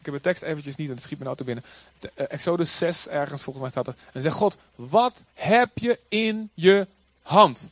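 A man preaching a sermon in a lively, conversational way, joking and acting out quotes. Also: on the high side, fast, hardly any pauses, no room sound. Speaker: pastor.

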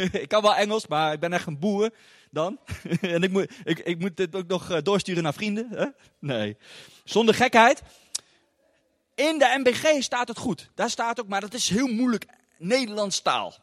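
A man's voice: high voice, lively intonation, moderate pace, pauses often, fairly bright tone. A man with a Dutch accent preaching a sermon in a church hall, chatty and informal, often adding little tag questions. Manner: chatty, with frequent tag questions and filler sounds. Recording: long hall reverb.

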